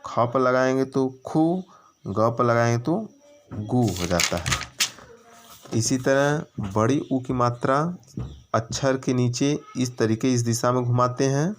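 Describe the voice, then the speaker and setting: A man's voice: medium pitch, slow pace. A man teaching young children in in a patient, explanatory way, stretching out each syllable as he demonstrates it. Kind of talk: children's lesson on Hindi vowel signs.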